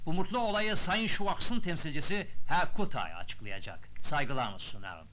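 An actor playing a middle-aged consul general, giving a pompous, formal ceremonial speech. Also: male voice, on the high side, lively intonation, moderate pace, pushed and bright. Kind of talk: ceremonial diplomatic speech in film drama.

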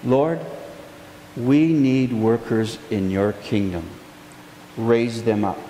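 A man in his forties, a pastor preaching a sermon from the pulpit in slow, emphatic phrases. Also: mid-range voice, steady tone, mellow. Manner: earnest, gestures a lot, slow emphatic phrases. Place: church sanctuary, indoors. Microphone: pulpit mic, far camera. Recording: echoey sanctuary with long reverb, faint hiss.

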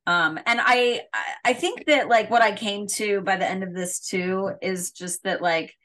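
A woman's voice: medium pitch, a little slow, bright, forceful tone. A woman hosting a podcast in casual discussion, chatty and full of fillers. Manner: chatty, uses many fillers. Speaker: podcast host.

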